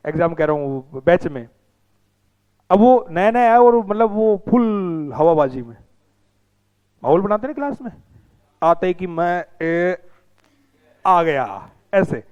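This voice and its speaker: High-pitched guy teaching a class, ribbing and scolding the kids, dull lo-fi sound. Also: animated, unhurried, pauses often, smooth. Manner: teasing, scolding students in between. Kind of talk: classroom lecture with banter. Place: classroom with students.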